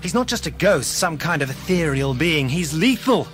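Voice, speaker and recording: An actor playing a grave, protective time-travelling mentor in an audio drama, earnest, articulate and theatrical. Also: male voice, a little high, expressive, normal speed, over music, close to an everyday voice. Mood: urgent, pleading.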